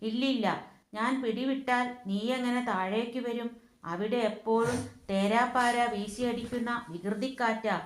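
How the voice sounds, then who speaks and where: A woman's voice: a little high, fairly even intonation, a little slow, echoey room, close to an everyday voice. A woman voicing a worried, caring older sister calling her kite home. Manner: anxious, coaxing.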